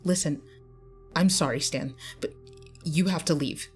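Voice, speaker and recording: A woman's voice: sits low, measured pace, breathy edge, full character voice. A woman narrator voicing a frightened teenage girl who stutters nervously, over faint music.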